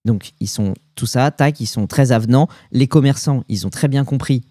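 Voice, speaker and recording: A man's voice: medium pitch, moderate pace, no room sound. A young French man with a French accent, co-hosting a podcast and telling travel stories in casual chat, full of slang and fillers. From France. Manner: animated storytelling with slang and fillers. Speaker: podcast co-host.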